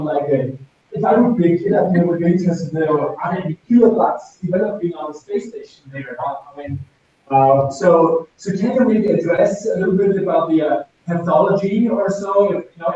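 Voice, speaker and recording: Man, webinar moderator, high voice, dark and mellow tone, rambling with fillers, echoey room, muffled far-off mic. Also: slight background noise. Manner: loose and rambling, with frequent fillers. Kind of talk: hosting a live webinar discussion. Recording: roomy and dull from a distant mic.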